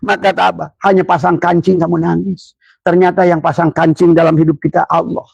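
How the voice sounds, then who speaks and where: Indonesian-accented male preacher, emphatic and rising, fairly high gravelly voice. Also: flat delivery, a little fast, darkish tone, no room sound, muffled recording. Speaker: religious teacher. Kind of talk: Islamic sermon.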